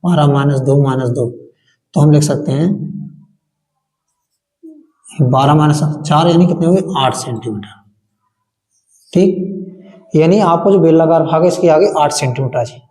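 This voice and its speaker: A man's voice: fairly high pitch, dark tone. A male maths teacher working board-exam problems step by step, asking questions and answering them himself. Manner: asks the class questions and answers them himself, chanting times tables. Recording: long hall reverb.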